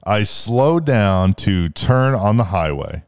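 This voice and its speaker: A podcast co-host in his mid-twenties, with a slightly low, clean voice, speaks slowly and casually. His retelling rambles loosely and is full of swearing, yet it comes across as animated and lively.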